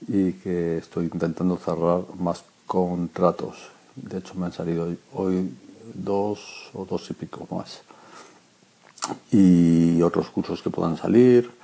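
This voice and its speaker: A deep-voiced man records a casual voice message. His voice is gravelly with heavy fry and a husky, rough grain. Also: warm tone.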